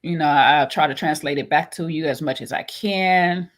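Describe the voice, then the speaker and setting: Woman, co-host, casual chat, lowish voice, animated, laughs a lot. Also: normal speed. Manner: animated, laughs often, acts out arguments.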